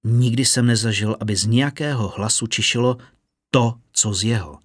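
A man voicing a veteran captain of the guard, speaking his uneasy thoughts slowly in an audiobook. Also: medium pitch, breathy edge, dry recording, studio quality, natural voice. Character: veteran male captain of the guard, shaken, desperate. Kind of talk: audiobook character voice.

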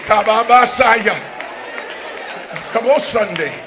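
High, gravelly shouting preacher man. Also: takes it slowly. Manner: shouting, call-and-response exhortation to the congregation. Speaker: bishop, preacher. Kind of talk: shouted Pentecostal-style sermon. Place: large church sanctuary with a responding congregation. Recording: live church recording with crowd noise. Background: congregation noise and crowd.

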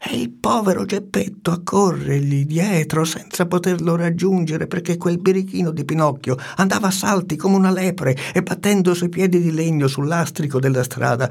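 A man reading a storybook aloud with an expressive, swinging delivery and hushed asides. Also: fairly high pitch, gravelly, husky.

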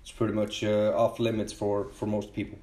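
Icelandic man, middle-aged, low voice, unhurried hesitant podcast guest in an echoey room. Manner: relaxed, hesitant, many "uh"s and "you know"s. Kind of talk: casual chat.

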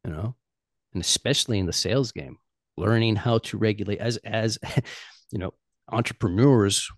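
A man's voice: fairly low pitch, normal speed, no room sound, clean studio sound. A man in his forties talking loosely and candidly, swearing and laughing easily. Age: 40s. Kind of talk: casual chat.

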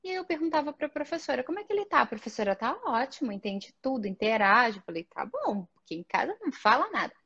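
A woman with a Brazilian Portuguese accent, an immigrant mother chatting casually and telling stories lively, acting out the dialogue. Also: fairly high pitch, fast talker, hardly any pauses, breathy edge, highs cut off. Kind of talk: casual chat.

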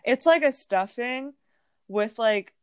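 A young woman tells a rambling family story on a casual podcast, full of restarts and bursts of laughter. Her voice is smooth and clear. The sound is dry and close. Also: on the high side, expressive, takes it slowly, no room sound. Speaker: podcast co-host.

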